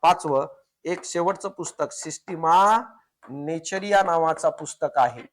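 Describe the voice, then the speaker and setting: A male science teacher giving a casual classroom lecture. He keeps quizzing the class with questions, slowly repeats technical terms, and drops in joking everyday examples. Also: on the high side. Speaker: science teacher for competitive exams.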